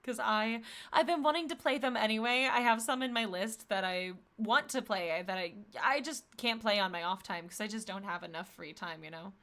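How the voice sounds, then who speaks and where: A young woman streaming a visual novel, chatting casually with slangy, animated asides while reading lines aloud. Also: mid-range voice, moderate pace, few pauses.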